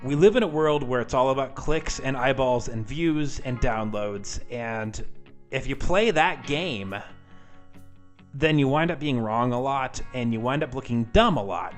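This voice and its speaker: Man, podcast host, medium pitch, casual and chatty, wry, self-deprecating, informal, amateur home recording. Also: a little slow, faint music behind.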